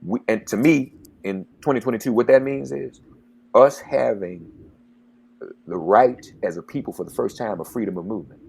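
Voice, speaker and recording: A man's voice: on the low side, moderate pace, gravelly, darkish tone, breathy edge. A man hosting a radio talk show, speaking with passion and getting worked up like a preacher. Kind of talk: interview and commentary.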